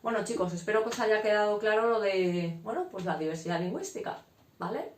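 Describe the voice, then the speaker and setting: Teacher explaining in an echoey room. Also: female voice, medium pitch, expressive, fairly quick, slight background noise. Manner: frequent "¿vale?" check-ins, explanatory. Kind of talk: casual classroom lecture.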